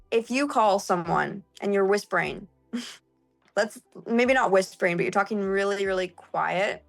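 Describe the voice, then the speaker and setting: A woman sales trainer teaching vocal technique, freely changing her speed and pitch to show each point. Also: creaky. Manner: expressive, shifting pace and pitch to demonstrate.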